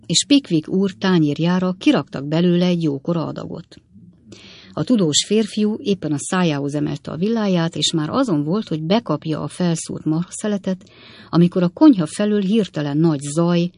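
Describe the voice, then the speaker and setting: A woman narrating an audiobook in a calm, even storytelling manner. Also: lowish voice, no room sound.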